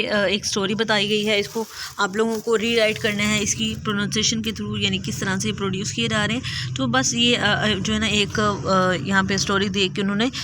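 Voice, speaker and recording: A woman teacher giving an exam-prep lecture. She explains step by step, often says "theek hai", and slows down to read passages aloud. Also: mid-range voice, a bit bright, slight background noise.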